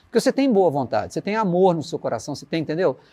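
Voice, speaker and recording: A Brazilian man, a musician reflecting in an interview and slowly reciting lyrics as he tells stories. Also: fairly high pitch, very animated. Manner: warm storytelling, recites his lyrics slowly. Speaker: musician guest.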